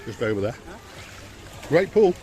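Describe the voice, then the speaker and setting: A man's voice: mid-range voice, sing-song, unhurried, warm tone. Gushing older man touring a hotel. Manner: enthusiastic, repeats praise words. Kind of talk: casual walk-around commentary. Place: outdoors and indoors in a hotel, walking.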